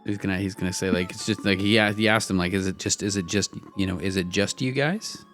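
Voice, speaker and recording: A man's voice: sits low, quick pace, a bit bright, faint music behind. A man playing a tabletop role-playing game, casually asking questions with hesitant repetitions. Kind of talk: casual in-character game play.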